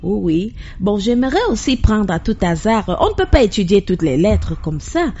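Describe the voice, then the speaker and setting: A woman hosting a radio language lesson, slowly repeating words after a guest to learn their pronunciation. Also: mid-range voice, big pitch swings, dark tone, breathy edge, highs cut off. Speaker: radio host.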